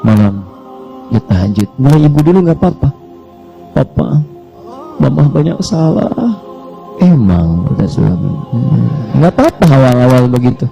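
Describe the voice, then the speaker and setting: A man's voice: medium pitch, very animated, moderate pace, gravelly, mellow, soft background music. A male Islamic preacher giving a fervent sermon that moves into pleading prayers.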